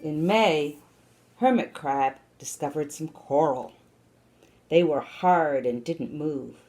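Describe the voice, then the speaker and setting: A woman reading a children's story aloud, with expressive, deliberate phrasing. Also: low-pitched, faint music behind.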